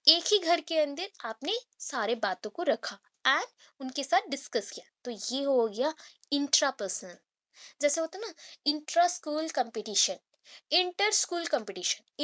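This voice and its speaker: A woman's voice: sits high, a bit bright. A woman teacher giving an exam-prep lecture, explaining patiently with everyday examples and frequent check-ins with her students. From India. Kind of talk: exam-prep lecture mixing Hindi and English.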